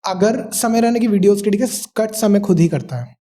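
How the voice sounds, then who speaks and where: A young man, a video editor, talking as a podcast guest in animated, easy chat that flips between languages and breaks into laughs. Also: high-pitched, a little fast. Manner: animated, code-switching, laughs often.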